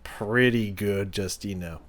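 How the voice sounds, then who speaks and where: A man's voice: fairly low pitch, takes it slowly. A man chatting casually as a reaction host, slangy and sweary, with a slightly thin voice as he gets over a cold. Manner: laid-back, slangy, sweary. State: getting over a cold, throat-clearing. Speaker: music reaction channel host. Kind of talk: casual chat, album reaction intro.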